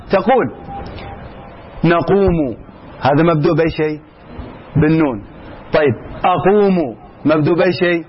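Guy teaching grammar in class, high voice, quizzes students then answers, slightly muffled recording. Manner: asks students questions and answers them himself; mixes colloquial Arabic with formal Arabic. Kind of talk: classroom lesson. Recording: slightly dull, with faint room noise.

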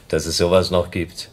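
An actor playing a stubborn private detective with a dry, sardonic manner in a radio drama. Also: male voice, deep voice.

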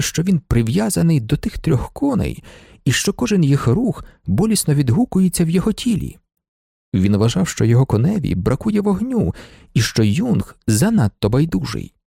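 A man reading a classic novel aloud as an audiobook narrator, in an animated, expressive manner. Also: on the high side, vocal fry, slightly rough, no echo, clean studio sound. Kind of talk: scripted literary narration.

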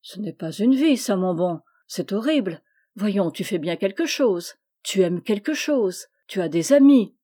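A woman's voice: medium pitch, expressive, measured pace, mellow. A woman voicing an awkward, polite young male shopkeeper who asks hesitant questions in a read-aloud story. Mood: flustered.

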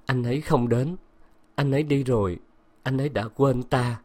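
A man's voice: medium pitch, moderate pace, darkish tone, natural voice. A man voicing a delirious, feverish young woman who drifts in dreamy, wandering speech.

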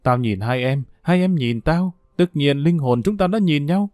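Give me a man reading a boastful young male student who fancies himself a ladies' man, talking down to a younger friend in a mellow tone. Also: fairly high pitch, expressive, a little slow, dry recording, clean studio sound. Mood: smug. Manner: smug, lecturing a younger friend.

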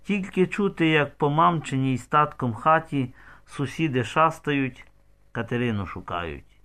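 A man's voice: a little high, animated, unhurried, bright, forceful tone. A man narrating an audiobook with intense storytelling.

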